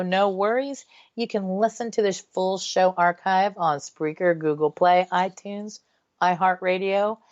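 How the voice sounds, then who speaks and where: Low, unhurried female radio host, muffled sound. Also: a little mellow, no room sound. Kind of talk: informal paranormal radio storytelling. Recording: dull, lo-fi radio audio.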